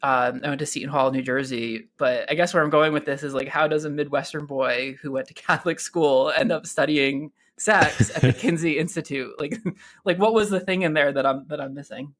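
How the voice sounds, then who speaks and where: A man's voice: on the high side, brisk, fairly bright tone. Upbeat, playful podcast host, a man. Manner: upbeat and playful, with frequent laughs and fillers. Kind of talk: casual conversational interview.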